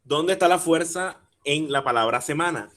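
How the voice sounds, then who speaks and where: A man teaching a workshop over a video call. He patiently explains step by step, asks the audience questions and slowly spells out syllables. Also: a little high, a bit bright. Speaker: workshop speaker teaching rhyme. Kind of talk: online workshop lecture.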